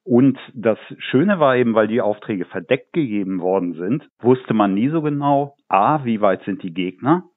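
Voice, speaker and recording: Low-voiced man on a thin phone-like line. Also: expressive, moderate pace, hardly any pauses, no echo. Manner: talkative, recounts anecdotes with light laughs. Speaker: game developer guest. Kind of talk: interview answers, relaxed storytelling.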